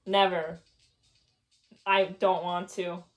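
A young woman in casual, playful banter, giving short, halting replies and guesses. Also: fairly low pitch, flat delivery, faint music behind. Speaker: challenge video participant. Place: small bedroom, indoors.

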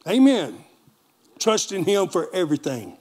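A man preaching a lively sermon in a church with a Texan accent, calling for amens from the congregation. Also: high-pitched, measured pace. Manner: animated preaching with call-and-response. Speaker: pastor.

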